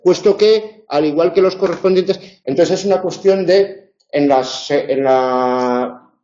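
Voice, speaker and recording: A man's voice: on the high side, slow pace, mellow. A man from giving an informal tutoring lecture, chatty, with wry asides and many fillers and restarts. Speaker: university lecturer. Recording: dull roomy classroom recording.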